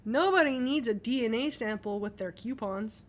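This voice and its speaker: Woman acting exasperated, sarcastic comedy griper, higher-pitched. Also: moderate pace, natural voice. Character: exasperated sarcastic woman griping at annoying people.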